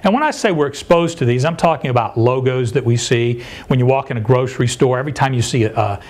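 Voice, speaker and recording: A man's voice: medium pitch, quick pace. An older man, a sales consultant, giving a seminar talk and putting questions to his audience. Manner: animated, addresses audience with questions.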